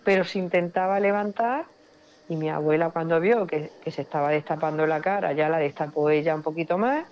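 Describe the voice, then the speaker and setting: A woman's voice: low voice, brisk, highs cut off. A woman from Spain, a paranormal investigator, telling a personal story with feeling and repeating words for emphasis.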